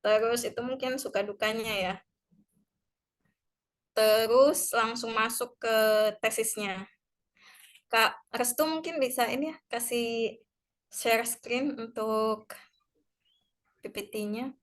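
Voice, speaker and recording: A woman's voice: a little high, slow pace, pauses often. A young woman from Indonesia, a graduate student chatting casually over a video call about her studies, with many fillers and small laughs. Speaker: graduate student sharing her study experience. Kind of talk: casual online talk.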